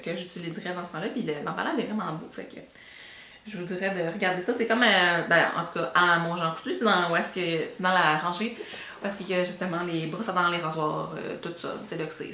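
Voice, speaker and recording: Talking quickly in a lowish, steady voice with a sharp edge, a young Québécois woman rambles through a casual beauty-haul chat, dropping in English words. The recording is reverberant, with slight background noise.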